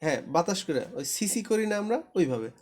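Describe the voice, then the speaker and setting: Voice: mid-range voice, very animated, brisk, darkish tone. A Quran reading teacher in a live class, patiently repeating each syllable for a student to echo back. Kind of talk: live online class, drilling letter sounds.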